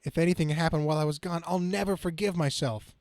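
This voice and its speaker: A man's voice: on the high side, fast talker, a little mellow, no room sound, natural voice. A man reading the part of Spider-Man, a brash, quippy young superhero, in an amateur comic-book reading, stumbling over the script now and then. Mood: worried, alarmed.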